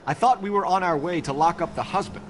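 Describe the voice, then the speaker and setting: An actor playing an upright, earnest 1940s police detective who talks in a formal, stiff way, in video game dialogue. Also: male voice, high-pitched, fast talker, a little hiss or hum, natural voice. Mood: stern.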